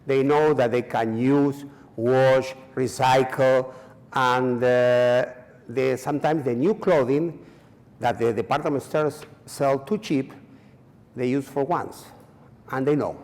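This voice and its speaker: Medium-pitched and darkish, the voice belongs to a Chilean man presenting at a conference. He speaks haltingly in non-native English, with frequent fillers and repetitions, and the conference hall gives the recording a long reverb.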